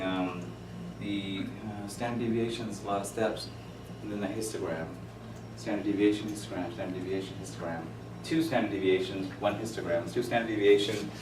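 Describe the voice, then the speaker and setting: A man in his forties teaches a math class, rambling and joking, with stories and asides between the steps. His voice is on the low side, and it's recorded from far off in an echoey room with a noisy background.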